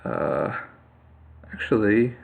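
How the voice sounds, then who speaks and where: Slow, gravelly man thinking aloud. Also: on the low side, animated, phone-quality sound. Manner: thinking aloud, hesitant, many fillers and restarts. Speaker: player commenting live on his own Go game. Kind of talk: casual live game commentary. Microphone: computer mic on a screen capture.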